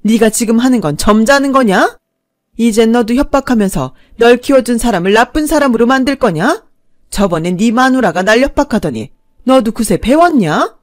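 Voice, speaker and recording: A woman voicing a pushy, shameless older stepmother-in-law who nags and wails loudly. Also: fairly high pitch, expressive, normal speed, no echo, clean studio sound, natural voice. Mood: scolding. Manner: loud, wailing, nagging.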